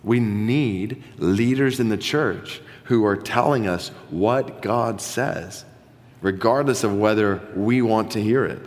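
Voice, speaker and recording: A male pastor preaching a sermon earnestly, asking the congregation rhetorical questions. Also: lowish voice. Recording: long reverb of a large hall.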